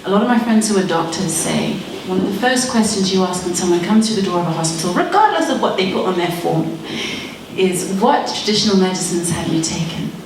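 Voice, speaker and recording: A woman's voice: medium pitch, animated, a little fast, background noise. Earnest thirties woman debating, wry asides, distant mic, big reverb. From Malawi, raised in Zimbabwe. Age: 30s. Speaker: speaker in a debate. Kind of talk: public debate speech. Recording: very echoey hall, speaker away from the mic.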